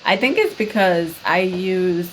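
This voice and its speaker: A woman's voice: fairly low pitch, animated, slow, slight background noise, low-quality recording. A woman hosting a casual beauty vlog at home, chatty and playful. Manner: chatty, quotes relatives in playful voices. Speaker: beauty vlogger host. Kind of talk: casual chat.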